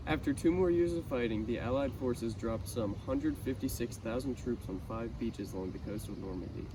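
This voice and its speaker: Man reading scripted history, very noisy recording. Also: moderate pace. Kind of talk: scripted history narration read as a news broadcast. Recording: very noisy, distant mic, vehicle-like rumble.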